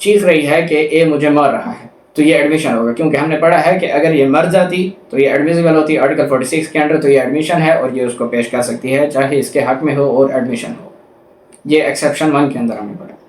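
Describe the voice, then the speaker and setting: A slightly high, slightly quick male voice with a Pakistani accent walks through legal text in an explanatory lecture full of examples. He rephrases and repeats as he teaches, slipping English legal terms into Urdu, and the recording sounds echoey and roomy.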